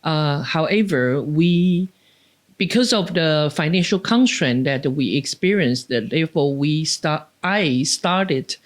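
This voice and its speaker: A woman from Taiwan speaking English with a Taiwanese accent, answering interview questions haltingly and with frequent restarts. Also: low voice, expressive. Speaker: professor, podcast guest.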